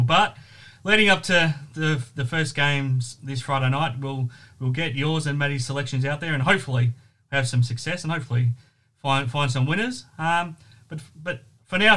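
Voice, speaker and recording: A man's voice: on the high side, bright, forceful tone. A man hosting a basketball talk show in a casual, upbeat chat. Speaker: basketball podcast host.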